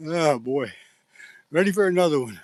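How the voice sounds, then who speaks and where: Excited male fishing streamer, somewhat high-pitched, out of breath, recorded outdoors on a phone. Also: slight background noise. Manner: excited, exclaiming often. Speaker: fishing livestreamer. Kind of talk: live fishing stream chat. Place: outdoors on a riverbank.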